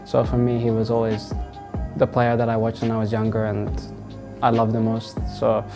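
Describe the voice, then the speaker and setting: A young man from Australia, a football player answering interview questions in a relaxed, halting way with many fillers. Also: fairly low pitch, gravelly. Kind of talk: sit-down interview. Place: indoors in front of a wall of football boots. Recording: music playing underneath.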